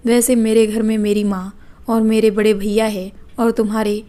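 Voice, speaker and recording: A woman's voice: fairly high pitch, flat delivery, normal speed, warm tone, lightly acted. A woman voicing a playful young man who teases and jokes nonstop in a storybook tale. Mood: teasing. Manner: cheeky, joking banter.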